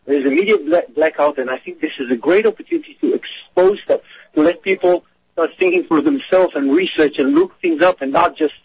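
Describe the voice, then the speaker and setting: Male caller from Israel on a clipped phone line. Husky, fairly high voice, dry and dull in tone. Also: sing-song, no echo. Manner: eager, halting, many fillers. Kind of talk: call-in radio talk. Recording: muffled phone-line call.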